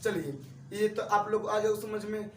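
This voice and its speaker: A man in his twenties with a strikingly high voice gives a classroom-style math lesson at an unhurried pace, repeating every step and asking his students questions. He's recorded from a distance, standing back from the mic in a roomy, echoing space, with a little hiss or hum.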